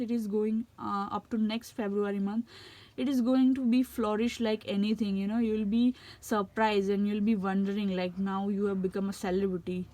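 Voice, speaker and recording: This tarot reader has a cold and an Indian English accent, and her voice is medium-pitched and warm, recorded with no echo. She reads casually but haltingly, often using fillers and starting over.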